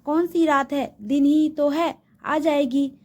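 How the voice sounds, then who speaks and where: A woman's voice: sits high, steady tone, takes it slowly, a little mellow. A woman voicing a stern young man who is a protective older brother, speaking firmly and reassuringly. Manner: firm, reassuring.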